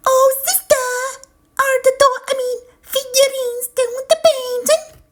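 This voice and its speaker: A man voicing young adult female raptor sisters in a storybook tale, in a high squeaky falsetto. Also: fairly even intonation, a little slow, fairly bright tone. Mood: chirpy. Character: young adult raptor sisters, polite noble and chatty painter.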